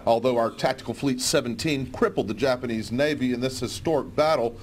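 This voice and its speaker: A man's voice: medium pitch, a little fast, crowd noise. A man narrating a scripted television news story as a field reporter.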